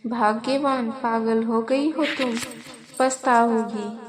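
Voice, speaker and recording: A woman's voice: fairly high pitch, steady tone, takes it slowly, crowd noise. A woman playing a stern village father who is harsh and scornful, speaking in a scolding way.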